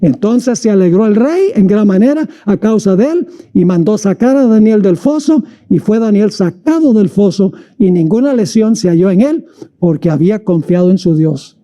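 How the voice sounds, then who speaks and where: A man preaching a sermon, reading long scripture passages and drawing out the quoted lines slowly. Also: high voice, expressive, warm tone. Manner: slows and stretches words when reading quoted lines aloud. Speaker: pastor.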